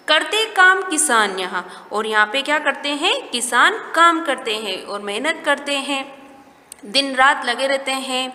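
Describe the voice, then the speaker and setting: A woman teaching a recorded lesson to young children, explaining each step slowly and asking simple questions along the way. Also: high voice, sharp tone. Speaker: primary school teacher. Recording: echoey room with long reverb.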